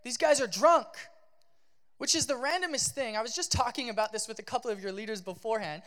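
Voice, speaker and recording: A male pastor giving a sermon in a casual, animated storytelling style, full of fillers. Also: very high-pitched, rapid-fire.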